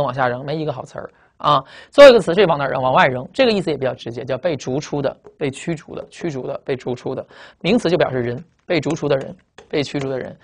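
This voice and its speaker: A man on the high side, with a creaky quality, teaches English words in a recorded lecture. He explains rapidly, repeats a great deal, and keeps using tag questions.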